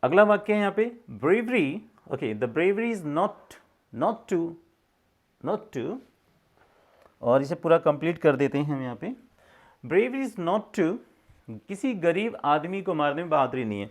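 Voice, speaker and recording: A middle-aged man teaching English, reading sentences slowly and explaining them in Hindi. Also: fairly high pitch, sing-song. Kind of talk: casual spoken English lesson.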